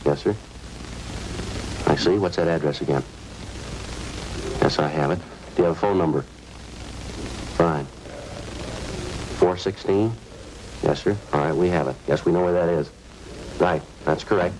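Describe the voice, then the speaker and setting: Deep, clipped, deadpan male police sergeant, terse and factual, vintage radio crime drama. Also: measured pace, long pauses, noisy background. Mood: businesslike. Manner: deadpan, clipped, matter-of-fact. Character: terse, businesslike male police sergeant narrating his case. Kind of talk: 1950s radio drama acting, clipped narration and dialogue. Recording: old-time radio recording with music.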